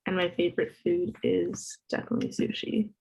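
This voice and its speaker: A woman's voice: fairly low pitch, level tone, fairly quick, vocal fry, darkish tone, poor audio. Hesitant young woman student. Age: young adult.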